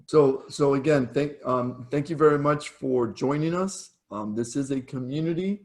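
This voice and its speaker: A man's voice: mid-range voice, moderate pace, a little mellow. A man hosting a casual online meetup over a video call. He talks in a chatty, rambling way, full of fillers and restarts. His voice is wearing thin from talking all day. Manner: chatty, with fillers and self-corrections. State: losing his voice. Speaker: meetup host.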